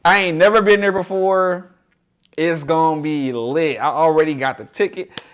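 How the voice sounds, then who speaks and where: A man's voice: a little high, fairly even intonation, moderate pace, smooth. A young man casually chatting to his livestream viewers, laughing often and greeting them by name. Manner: drops to a hushed voice to share a secret. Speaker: livestream host.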